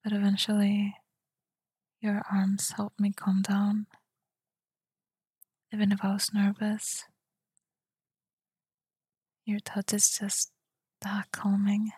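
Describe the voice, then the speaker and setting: A woman whispering softly in a tender, soothing ASMR roleplay, speaking close to the mic. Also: mid-range voice, completely flat delivery, no echo. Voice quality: breathy whisper. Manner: soft, tender and soothing, slow murmurs. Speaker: girlfriend roleplayer.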